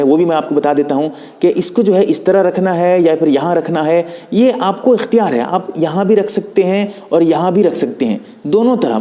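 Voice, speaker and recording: A man with a somewhat high voice gives religious instruction. He speaks in a patient, explanatory way and shows each movement as he goes. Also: warm tone. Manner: patient, explanatory, demonstrating as he talks. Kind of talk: step-by-step prayer instruction.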